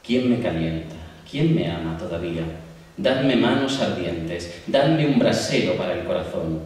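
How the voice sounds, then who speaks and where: Man reciting as a tormented mythic woman, impassioned cries, low voice, far-off mic in a big hall. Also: animated, a little slow. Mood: anguished. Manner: impassioned, swings from hushed to loud cries. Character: anguished mythic woman lamenting a cruel god. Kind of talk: dramatic poetry recitation. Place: large university hall. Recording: echoey hall, distant mic, faint hiss.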